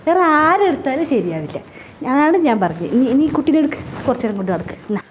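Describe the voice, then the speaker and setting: A high-pitched, theatrical mother-in-law played by a woman. She fusses, scolds and gushes in a broad comic-skit manner, with faint background noise. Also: very animated, fast. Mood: fussing. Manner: dramatic, scolding and gushing by turns. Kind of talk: comedy sketch acting.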